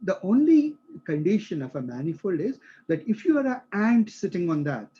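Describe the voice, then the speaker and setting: A man teaches a live class, talking through ideas with homely examples and tag questions to check understanding. His voice sits a bit high, with a mellow, husky tone. The audio is dull and lo-fi. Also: sing-song, normal speed. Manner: explains with everyday examples, frequent "right?" checks. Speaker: instructor.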